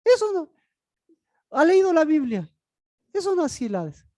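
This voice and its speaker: In this roughly recorded sermon, the preacher speaks at a normal speed in a sing-song manner. He asks his own rhetorical questions and supplies the answers, suddenly shifting between loud high-pitched cries and quiet low murmurs.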